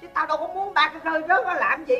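A woman's voice: very high voice, racing, sharp tone, faint music behind. A woman playing a fussy middle-aged mother, who scolds and complains in a comedy sketch. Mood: scolding.

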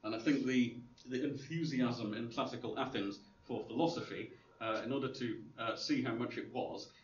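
A man of medium pitch and moderate pace gives an informal lecture with slides, hesitant and rambling, full of ums, restarts, and dry humor. He sounds roomy and distant, as though recorded from across a hall, and the lo-fi audio is dull with faint hiss.

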